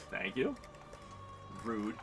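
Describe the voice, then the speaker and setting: A man chatting on a live game stream, his pitch swinging widely as he jokes and teases. He laughs easily and talks about snacks and the game. Music plays clearly behind him. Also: wildly swooping pitch, extremely slow. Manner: playful, joking, laughs often. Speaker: streamer co-host. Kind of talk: casual stream chat.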